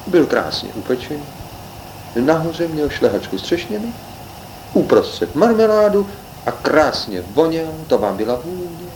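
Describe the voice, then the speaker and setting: A man reading a children's storybook aloud, expressive and animated. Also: on the high side, slight background noise, rough recording.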